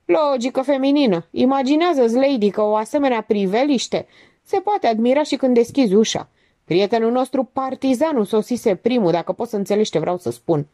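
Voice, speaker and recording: A woman's voice: on the high side, lively intonation, mellow, dry recording, studio quality, voice pushed up, close to an everyday voice. A woman voicing a cynical, smug man who talks in a sneering, mock-polite drawl.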